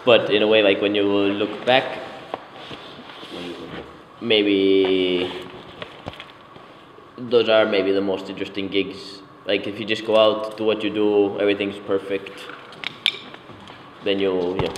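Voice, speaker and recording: Young guy, very low voice, laid back, swears a lot, echoey hall w/ faint noise. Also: slow, pauses often. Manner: relaxed, swears casually, many fillers. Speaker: circus performer. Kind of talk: casual interview talk.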